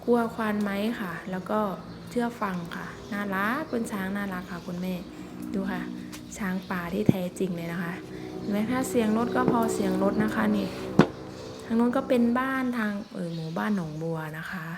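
In very noisy audio, a woman with a medium-pitched voice and moderate pace narrates an outdoor vlog in the forest. She's a vlogger filming elephants, chatting politely and casually with plenty of soft particles.

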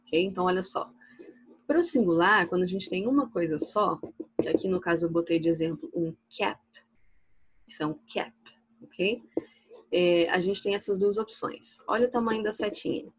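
A Brazilian woman teaches a recorded English lesson for children, walking through slides slowly and clearly. Her voice is soft and a little breathy, at a middle pitch. The sound is close and dry. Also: no room sound, rough recording. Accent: Brazilian Portuguese. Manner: patient, slow and clear, asks "ok?" after each point. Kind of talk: recorded online class explaining slides.

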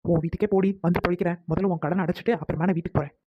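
A woman voicing a sharp-tongued upstairs neighbor in a cartoon comedy, who grumbles and mutters complaints to herself. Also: fairly low pitch, fairly even intonation, racing, husky, no echo, lo-fi sound. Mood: grumbling.

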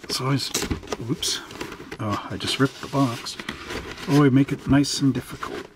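Speaking a little slowly with fairly even intonation, this western Canadian host of a model kit channel has a mid-range voice set against a noisy background. The middle-aged man keeps things folksy and informal as he walks through a casual unboxing and instructions.

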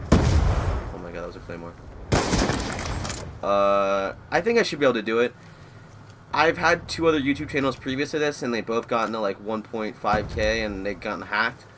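A young man in his twenties talks casually over a shooter match, drifting between personal chat and reacting to the game. His voice sits at an everyday middle pitch, with faint game noise underneath. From Florida, USA. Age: 20s. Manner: rambling, easily distracted by the match. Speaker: gaming YouTuber. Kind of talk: live gameplay commentary.

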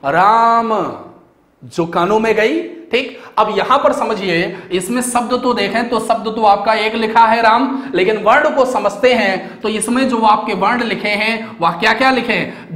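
A man's voice: high voice, fairly bright tone, echoey room. A male teacher giving an exam-prep grammar lecture, explaining step by step, repeating key words and asking and answering his own questions. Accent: Hindi, North Indian.

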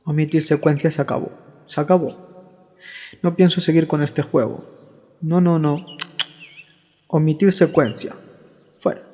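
A man's voice: a little high, steady tone, measured pace, pauses often. A man doing a rambling, exasperated comic monologue, stammering and restarting his sentences. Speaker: comedian. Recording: dull sound in a long-reverb room with soft guitar.

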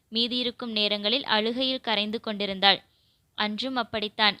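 A woman narrating a romance novel in a steady, even reading. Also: medium pitch, smooth, no room sound. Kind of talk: scripted narration.

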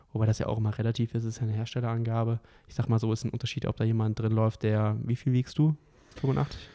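A triathlon coach co-hosts a casual podcast, speaking in a relaxed, medium-pitched voice with plenty of fillers and easy laughs.

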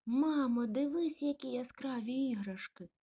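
A woman's voice: on the high side, big pitch swings, moderate pace, a little mellow, highs cut off, voice pushed up. A woman voicing an eager little male corgi puppy who calls out and pleads. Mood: excited.

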